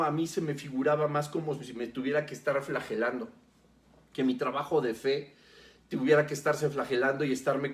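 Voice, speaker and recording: A man preaching a sermon as a pastor, teaching earnestly and speaking straight to the listener. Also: a little high. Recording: roomy echo.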